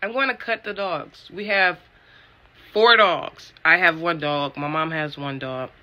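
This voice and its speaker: A man's voice: fairly high pitch, steady tone, slow, muffled recording. A man in his late twenties chatting animatedly to his viewers in a casual vlog, calling them y'all. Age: late 20s. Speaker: vlogger.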